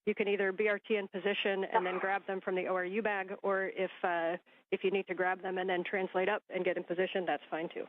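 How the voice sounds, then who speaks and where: A woman at mission control giving calm, step-by-step technical instructions over a narrow space-to-ground radio link. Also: medium pitch, fast talker. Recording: tinny dry radio line.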